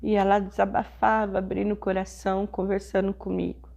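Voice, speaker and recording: A middle-aged woman pastor, telling a personal testimony in a sermon with slow, emotional storytelling. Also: mid-range voice, flat delivery, vocal fry, darkish tone, highs cut off.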